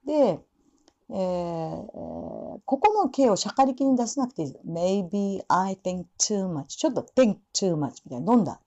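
A woman teaching English pronunciation, repeating phrases slowly and pausing on fillers as she demonstrates sounds. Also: mid-range voice, sing-song, warm tone, lo-fi sound. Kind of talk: spoken lesson with demonstrations.

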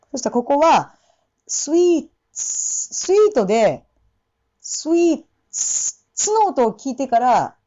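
A woman's voice: sits high, warm tone, dull audio. A woman teaching English pronunciation for singing, demonstrating the sounds by repeating words. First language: Japanese. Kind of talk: casual spoken lesson.

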